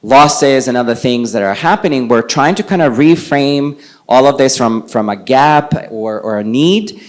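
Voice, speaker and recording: A man's voice: medium pitch, moderate pace. Man from Bosnia, non-native English speaker, presenting at a conference, easygoing and conversational, mid-range voice. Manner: relaxed, conversational, walks around while speaking. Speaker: panel speaker on climate finance. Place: conference venue with a live audience. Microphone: handheld microphone.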